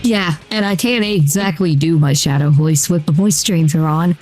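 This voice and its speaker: This streamer's voice, altered by a voice changer, is mid-range and moves at a moderate pace, with faint music in the background. Chatting while gaming, they ramble in a relaxed, loose way, often filling gaps with "uh" and "like."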